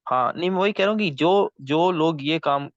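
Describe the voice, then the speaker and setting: A man's voice: fairly high pitch, normal speed, no echo, highs cut off. A man asking questions as a student in an online class, polite and respectful toward his teacher. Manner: polite, addresses the teacher as brother.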